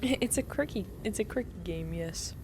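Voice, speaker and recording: A woman's voice: medium pitch, lively intonation, normal speed, noisy background. A woman giving casual live commentary while playing a game for her stream, giggling often and chatting to her viewers.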